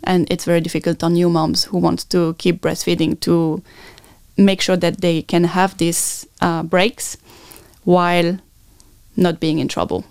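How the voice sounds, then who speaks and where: A woman's voice: fairly low pitch, level tone, a little slow, vocal fry, darkish tone, smooth, dry recording, clean studio sound. A native French-speaking woman with a French accent, explaining things earnestly as a guest in a conversational interview. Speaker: podcast guest, maternity consultant.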